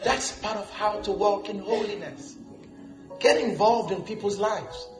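High-voiced animated male preacher. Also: a little slow, echoey room, faint music behind. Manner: animated preaching with humor and call-and-response questions. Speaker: pastor. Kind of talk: sermon. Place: church.

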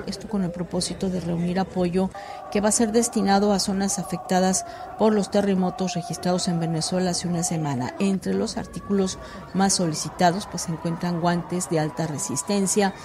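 Woman doing a news report, steady, noisy background. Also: mid-range voice. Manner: reads steadily, with fillers. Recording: background noise.

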